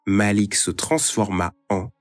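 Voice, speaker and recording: A man narrating a children's story in a calm, expressive read-aloud manner. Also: lowish voice, a little slow. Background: faint music.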